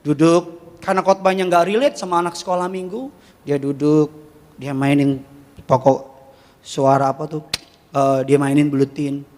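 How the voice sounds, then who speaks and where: A man preaching a sermon as a pastor, animated and humorous, firing rhetorical questions at his congregation. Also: a little high, moderate pace, pauses often. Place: large church hall. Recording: long church reverb.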